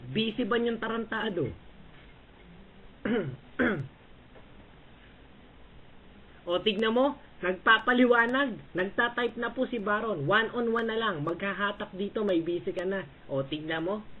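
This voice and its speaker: A husky, high-voiced man keeps a measured pace while taunting rivals in an online chat room. Bossy and mocking, he barks brief orders and keeps throwing out "ha?" over a thin, slightly hissy voice-chat connection.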